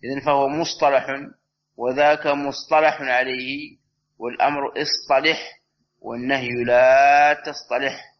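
A man teaching an Arabic grammar lesson, explaining step by step and slowly repeating each word form. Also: medium pitch, level tone. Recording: slightly dull recording with faint noise.

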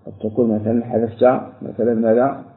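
A man teaching a grammar lesson to a class, explaining each step and repeating words slowly while he quizzes his students. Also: fairly low pitch, completely flat delivery. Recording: echoey room over a phone-like line.

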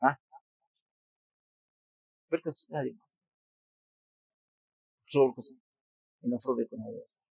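A man's voice: medium pitch, moderate pace, creaky, pauses often, a little mellow, husky, no echo. A man teaching a classical Arabic grammar lesson, explaining patiently, repeating forms and prompting a student to continue. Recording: slightly dull lo-fi recording.

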